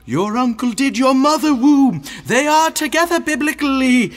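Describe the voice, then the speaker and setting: An actor playing a young man who puts on a grand, shouty ghost-father voice with old-fashioned speech. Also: very high voice, expressive, normal speed. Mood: hammy mournful.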